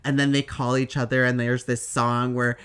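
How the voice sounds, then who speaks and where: A woman's voice: extremely low pitch, moderate pace, smooth. A woman co-hosting a podcast, chatting casually and animatedly about a film, with lots of "like". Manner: animated, gossipy, heavy use of "like". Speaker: podcast co-host. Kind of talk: casual chat.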